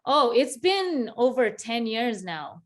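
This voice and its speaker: A woman's voice: on the high side, takes it slowly. Kenyan-born woman in her thirties, casual interview guest, easygoing, laughs a lot. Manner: relaxed, laughs often, many fillers. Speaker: interview guest, business founder.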